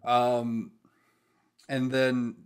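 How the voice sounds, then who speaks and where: A man's voice: medium pitch, monotone, very slow, clean tone. Podcast co-host, male, loose chatty recap, stumbles and restarts. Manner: rambling, many restarts and quoted lines. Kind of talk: casual chat recapping a sitcom episode.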